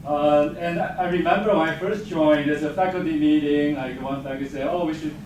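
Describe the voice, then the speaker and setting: A Taiwan-born geophysics professor gives a casual faculty talk in English in a lecture hall, speaking fairly quickly in a steady, higher-pitched voice. His grammar is non-native, and he's self-deprecating and chuckles often. The far-off mic captures a very echoey, noisy hall.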